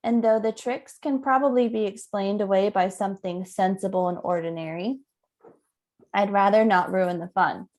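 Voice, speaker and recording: A woman co-hosting a podcast, upbeat, reading announcements and quotes smoothly. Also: mid-range voice, fairly even intonation, moderate pace, darkish tone. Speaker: podcast co-host. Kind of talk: podcast chat and read announcement.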